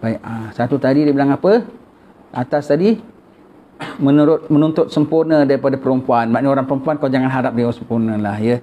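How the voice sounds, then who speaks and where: A man's voice: medium pitch, brisk, a little hiss or hum. A man with a Malaysian Malay accent giving a religious text lesson in a conversational way, often tagging his phrases with "ya" and "ha". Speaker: religious teacher. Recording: dull lo-fi recording.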